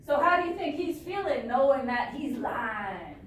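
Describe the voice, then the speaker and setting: High-pitched woman facilitator in echoey room. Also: sing-song. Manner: questioning, halting, repeats herself. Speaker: trainee facilitator. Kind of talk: leading a group discussion with questions. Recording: echoey room, far from mic, faint noise.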